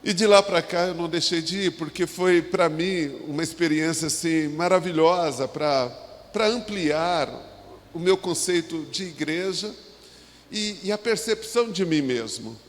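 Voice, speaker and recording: Brazilian pastor preaching in a reverberant hall. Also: male voice, a little high. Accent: Brazilian Portuguese. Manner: halting, with many restarts and rhetorical asides. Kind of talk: sermon. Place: church sanctuary.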